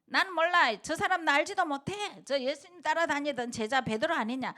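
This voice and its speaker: A woman voicing a frightened adult male disciple who protests and pleads, shrill and repeating himself. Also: brisk, bright, forceful tone. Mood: panicked.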